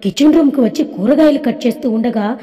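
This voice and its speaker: A woman reading a family drama story aloud as a steady storybook narrator. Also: high voice, fast. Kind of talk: scripted narration. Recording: long reverb.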